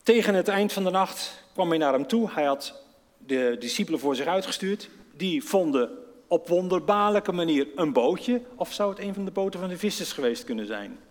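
A man delivers a sermon in a chatty, down-to-earth way, turning to his listeners with questions. His voice sits a little high for a man. It carries with the long echo of a large hall. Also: expressive, moderate pace. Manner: conversational, asks the audience questions, acts out quotes. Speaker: preacher.

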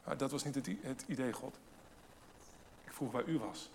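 A man preaching a sermon with emphasis, asking rhetorical questions and swinging between loud and hushed delivery. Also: medium pitch, moderate pace, slight background noise. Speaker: pastor. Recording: long hall reverb.

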